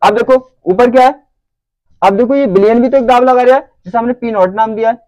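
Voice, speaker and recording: Male teacher, fairly high voice, dry close sound, keeps checking the class follows. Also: brisk, a little mellow, no room sound, low-quality recording. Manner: checks understanding with repeated questions. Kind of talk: classroom lecture.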